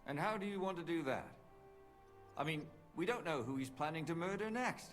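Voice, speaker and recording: An actor playing a skeptical, worried investigator in a video game, questioning doubtfully in conversational dialogue. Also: male voice, a little high, expressive, fairly quick, a bit bright, soft background music.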